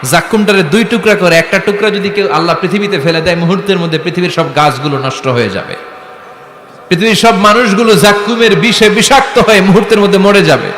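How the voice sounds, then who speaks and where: A man's voice: high voice, fast, a bit bright, a little hiss or hum. A man preaching a dramatic sermon, asking his audience rhetorical questions. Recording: echoey hall with faint ambience.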